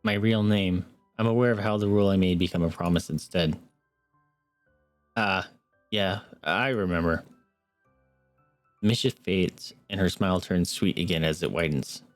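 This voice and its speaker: A man's voice: low-pitched, normal speed, long pauses, no room sound, soft background music. A young man streaming, earnestly reading a story game aloud and adding wry asides. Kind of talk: reading a visual novel aloud with commentary.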